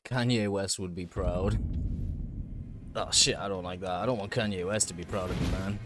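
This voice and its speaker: A man's voice: low-pitched, fairly even intonation, moderate pace, fairly bright tone, a little hiss or hum. A man streaming a video game, talking casually to his viewers in a chatty, easygoing way with apologetic asides. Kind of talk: casual live-stream chat while gaming.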